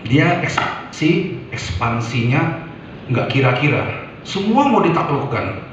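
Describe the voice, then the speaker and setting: A man's voice: on the high side, sing-song, slow, a bit bright, slight background noise. Male preacher, storytelling lecture style, recorded far off with heavy echo. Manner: storytelling, with sound effects and acted quotes. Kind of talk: lecture to an audience. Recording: echoey hall, distant mic, muffled.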